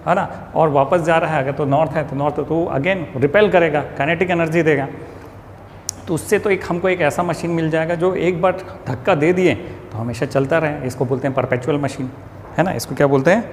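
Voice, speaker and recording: A male physics teacher giving a lecture, explaining step by step and asking and answering his own questions, slowing down to read statements aloud with care. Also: fairly high pitch. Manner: switches to slow, careful reading of English statements. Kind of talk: classroom lecture. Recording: long reverb, faint ambient noise.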